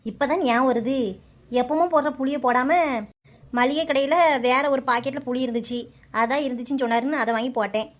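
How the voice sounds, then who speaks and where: A woman's voice: high-pitched, steady tone, fairly quick, lightly acted. A woman voicing a busy, practical village housewife in a cartoon, explaining her cooking in a Kanyakumari accent. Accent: Kanyakumari Tamil. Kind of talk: cartoon voice acting.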